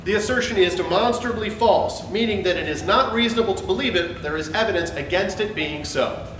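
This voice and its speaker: Sounding high-voiced, fairly bright, and a little fast, a man performs his own argumentative essay as host, theatrically and with emphatic sarcasm. He's recorded from a distant mic in a roomy, off-mic space, with music playing in the background.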